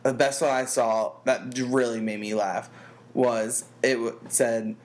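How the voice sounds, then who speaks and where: A man's voice: mid-range voice, level tone, a little slow. A man co-hosting a casual podcast, telling stories in a loose, rambling way full of likes. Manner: rambling with many fillers and restarts. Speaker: podcast co-host.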